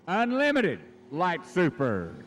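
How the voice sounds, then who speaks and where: A man's voice: high-pitched, huge pitch swings, slow pace, slight background noise. A middle-aged American man giving live event commentary as a tractor pull announcer in a folksy, emphatic way, repeating himself for effect.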